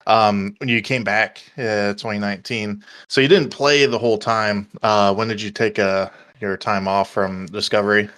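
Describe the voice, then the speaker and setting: A man from Canada hosts a podcast interview. His voice sits low, and he asks questions in a loose, playful, chatty way. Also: fairly even intonation, normal speed, few pauses, a bit bright. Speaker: host.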